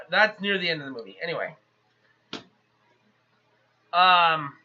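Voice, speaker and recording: A high-voiced man with a very bright, sharp tone talks through a movie's plot in a loose, chatty recap. The recording is a little muffled and lo-fi. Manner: chatty, animated, acts out characters. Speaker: movie reviewer. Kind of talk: casual rambling plot recap.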